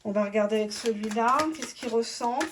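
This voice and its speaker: A woman's voice: fairly high pitch, steady tone, brisk, a little hiss or hum. Blunt, cheeky French woman reading tarot. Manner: blunt, cheeky, talks straight to the viewer; reads the partner's thoughts aloud in first person. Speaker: tarot reader.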